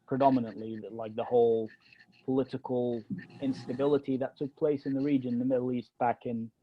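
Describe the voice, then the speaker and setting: This podcast co-host is a young Egyptian man with Arabic as his first language and a mostly British accent hinting at American. He speaks a little fast with a flat delivery in a mid-range voice, stumbling through fillers and restarts. Narrow, tinny audio carries slight background noise.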